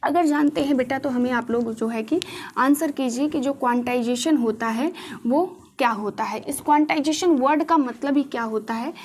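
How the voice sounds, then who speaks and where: A woman's voice: fairly high pitch, a little hiss or hum. A woman teaching a class, who keeps asking her students questions and repeating the key terms. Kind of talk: classroom lecture. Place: classroom with a board.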